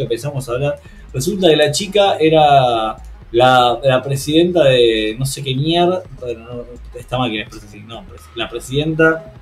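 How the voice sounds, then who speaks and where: A man with an Argentine accent, a vlogger telling casual stories in an animated way, with slang and sound effects. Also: medium pitch. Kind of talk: casual anecdote storytelling.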